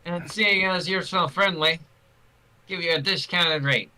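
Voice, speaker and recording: A friendly goblin innkeeper, as a man puts him on for a tabletop game, with a bright, raised voice. He greets travellers cheerfully and offers them a discount. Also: sits high, a little slow, clean tone, exaggerated voice, poor audio.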